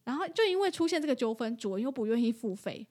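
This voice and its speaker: A woman's voice: a little high, very animated, fast, a little mellow. A woman who works at an animal hospital, telling a story in a casual chat and laughing often.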